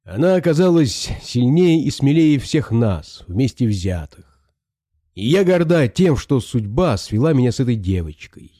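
A man's voice: mid-range voice, sing-song, unhurried, dark tone, no echo, clean studio sound. A man voicing a proud empress. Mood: solemn. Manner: haughty, solemn. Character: proud dying older woman empress. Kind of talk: audiobook character voice.

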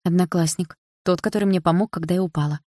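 A hurt, defiant teenage schoolgirl talking back in angry bursts, read by a woman. Her voice is low for a girl. The recording is close and dry. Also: steady tone, fast, warm tone, dry recording, lightly acted. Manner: defiant, outraged outbursts.

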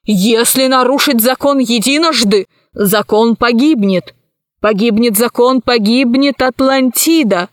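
A woman's voice: fairly high pitch, a little slow, no room sound, studio quality, natural voice. A woman voicing a cold, commanding queen presiding over a council in an audiobook. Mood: stern. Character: stern, imperious queen ruling a council. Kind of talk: audiobook character voice.

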